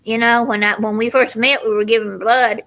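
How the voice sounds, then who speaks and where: A woman's voice: a little high, flat delivery, moderate pace, fairly bright tone. Older Southern woman chatting casually. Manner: folksy, meandering storytelling. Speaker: livestream host. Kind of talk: casual rambling chat to livestream viewers.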